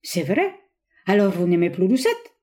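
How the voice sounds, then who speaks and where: A woman voicing a blustering older general who speaks French with a put-on Spanish accent, loud and gruff. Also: fairly high pitch, very animated, normal speed, pitched above the performer's own voice. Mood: relieved. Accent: Spanish-tinged French, put on. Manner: loud, raised voice.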